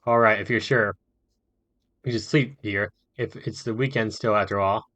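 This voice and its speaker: A man's voice: on the low side, steady tone, moderate pace, a bit bright, dry recording, natural voice. Man reading as a soothing, caring mother. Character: gentle caring mother of a teenager.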